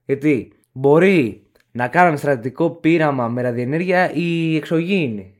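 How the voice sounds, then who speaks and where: A young man co-hosting a podcast, relaxed and joking as he speculates. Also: on the high side. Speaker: podcast co-host. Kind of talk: casual podcast discussion.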